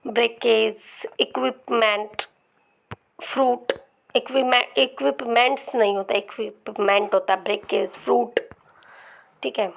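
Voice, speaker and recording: A woman teaching English grammar to exam students, explaining patiently and checking in often, sometimes dropping to a soft murmur. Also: a little high, vocal fry. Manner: explains patiently with many repeated "ठीक है" checks. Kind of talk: Hindi-language grammar lesson with slides.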